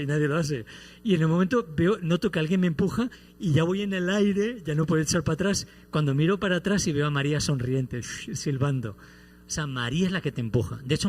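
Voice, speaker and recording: A man's voice: a little high, slight background noise. A man, a priest preaching a homily, telling stories with playful humor. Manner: animated storytelling with playful humor.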